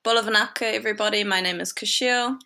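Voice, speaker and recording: A woman's voice: medium pitch, steady tone, fast, creaky, music in the background. A woman co-hosting a podcast, asking questions conversationally. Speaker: podcast co-host. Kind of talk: conversational interviewing.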